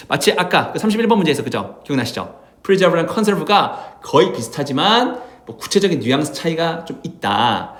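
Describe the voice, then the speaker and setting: Lively male English teacher lecturing. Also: medium pitch. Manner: lively, asks students constant check-in questions. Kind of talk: exam prep lecture.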